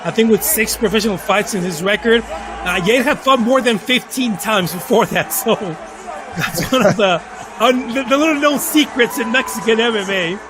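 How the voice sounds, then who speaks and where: Very high-pitched male fight commentator. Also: normal speed, background noise. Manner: emphatic, excitable, short clipped calls. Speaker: play-by-play MMA commentator. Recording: live broadcast over music and crowd. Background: music and crowd.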